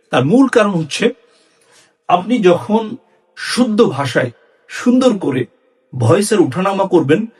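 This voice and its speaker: A Bangladeshi Bengali-accented man teaching a lesson on syllables in a clear, measured way, with lively rises and falls in his voice. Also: a little high. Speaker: speech and debate instructor.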